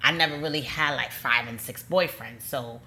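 A young adult woman telling a personal story in casual chat, animated and acting out quoted voices with lots of "like". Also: rumbling low, normal speed. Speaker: storyteller recounting her courtship.

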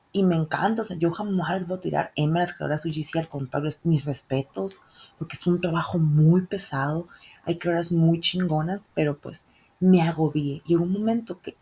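A woman's voice: low voice, mellow, slightly rough. A young woman from northern Mexico with a northern Mexican accent, hosting a casual solo podcast in a chatty, slangy way. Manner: chatty, slangy, swears freely. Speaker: podcast host.

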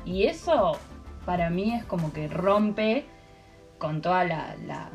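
A young woman with an Argentine Spanish accent chats casually, rambling through stories packed with fillers. Her fairly low, darkish voice is animated but unhurried, and faint music plays behind her.

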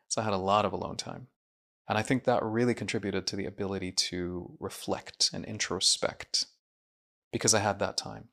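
A low, gravelly man talks through his thoughts in a reflective interview. His voice has a bright, slightly tense edge, and he speaks earnestly with small restarts. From Saudi Arabia. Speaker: guest, mind researcher and coach.

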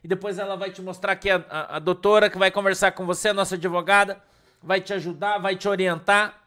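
Pastor from Brazil, male, high and bright-toned, blunt, scolding, slangy preaching. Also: steady tone, fast. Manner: blunt, scolding, slangy, mimics whiny congregants. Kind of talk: blunt informal sermon.

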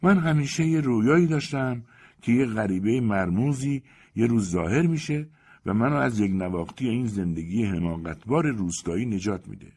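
Dreamy young country wife, voiced by a man, raised pitch, soft, wistful, audiobook, husky. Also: animated.

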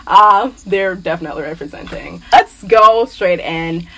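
A woman's voice: on the low side, unhurried, a bit bright, poor audio. A young woman from Nigeria hosting a casual podcast chat, upbeat and laughing often, with many fillers. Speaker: podcast host.

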